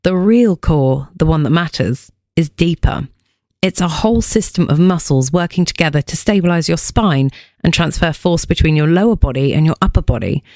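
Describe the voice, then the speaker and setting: A woman's voice: low voice, expressive, normal speed, warm tone, dry recording, clean studio sound. A woman fitness coach hosting a scripted podcast explainer, delivering punchy lines with playful joking asides.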